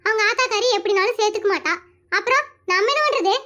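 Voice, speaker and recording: A performer voicing a blunt, gossipy older village woman in an animated comedy, talking brusquely and scolding. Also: very high voice, quick pace, highs cut off.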